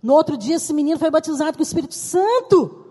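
An older woman preaches a sermon in a husky, firm voice that sits a little high. She leans into phrases and stretches them out for emphasis. Her voice rings with a long reverb, as in a large church hall. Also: expressive, fast talker, warm tone.

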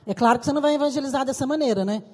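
An older woman preaches a sermon in a husky, firm voice that sits a little high. She leans into phrases and stretches them out for emphasis. Her voice rings with a long reverb, as in a large church hall. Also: racing, mellow.

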